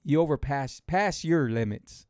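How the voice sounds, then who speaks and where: A man in his forties, close to fifty, with a slightly high voice speaks at a measured pace. As a motivational speaker, he rambles and repeats himself while enthusiastically encouraging his live viewers, in a dry, clean studio recording.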